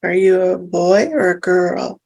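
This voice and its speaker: Slow, soft-spoken woman guiding hypnosis. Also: on the low side, gravelly, rough recording. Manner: soft, slow and soothing, reassuring. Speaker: hypnosis practitioner. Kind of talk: gentle hypnosis session guidance.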